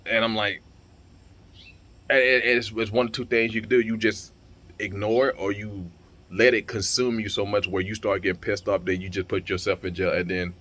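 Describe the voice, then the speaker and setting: A man's voice: lowish voice, flat delivery, a little fast, fairly bright tone, a little hiss or hum. A young man talking straight to camera in a casual vlog, blunt and heated, swearing freely and stumbling over repeated words. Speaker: vlogger and streamer.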